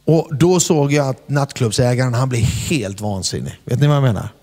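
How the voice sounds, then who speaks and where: A man preaching a storytelling sermon, animated and calling out to the congregation whether they follow him. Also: mid-range voice. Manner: animated, asks the crowd "are you with me?"; shouts acted quotes in English. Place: church hall before a congregation. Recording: long hall reverb.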